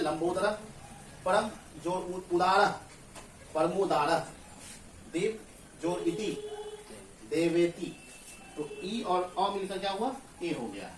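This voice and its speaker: A man's voice: sits high, a little hiss or hum. A male teacher explaining Hindi grammar step by step in a classroom lesson, often asking a question and then answering it himself. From Bihar, India. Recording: echoey room, mic at a distance.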